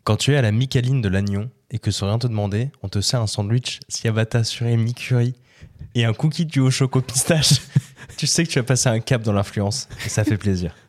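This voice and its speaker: A man's voice: medium pitch, brisk, a little mellow. A man on a casual round-table chat panel, jokey and playfully mock-offended.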